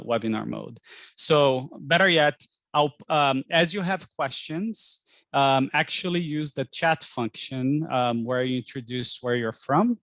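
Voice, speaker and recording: A man's voice: mid-range voice, fairly bright tone, dry recording. Chatty man hosting a webinar. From Brazil. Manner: chatty, friendly, frequent ums. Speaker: admissions director hosting an info session. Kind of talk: webinar presentation. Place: home pottery studio. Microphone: video call.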